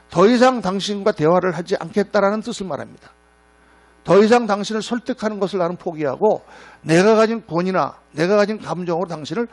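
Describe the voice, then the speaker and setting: A middle-aged male pastor preaching a sermon in a church, telling stories and acting out the quotes. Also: high voice. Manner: storytelling with acted-out quotes, animated. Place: church sanctuary. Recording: mains hum.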